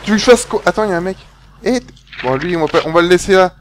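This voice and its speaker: A man giving casual commentary on a game he plays, excitable, chatty and quick to yelp. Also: high-pitched. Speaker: gaming YouTuber. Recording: game noise behind voice.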